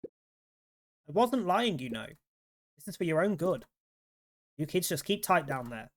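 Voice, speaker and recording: A man voicing a sly, secretive grown man who speaks in a slow, looming way. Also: a little high, sing-song. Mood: patronizing.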